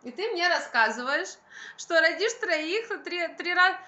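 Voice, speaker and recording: A young adult stay-at-home mother vlogs casually to camera from a bright room by a window at home, holding her phone at arm's length. She vents in an emphatic, colloquial way, her very high voice sharp in tone, lively in intonation and measured in pace.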